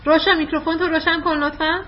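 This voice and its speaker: Woman teacher on an online class call, high voice, keeps praising the kids, muffled lo-fi audio. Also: level tone. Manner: encouraging, quick to praise. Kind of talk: online class, coaching children to read aloud. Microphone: video call.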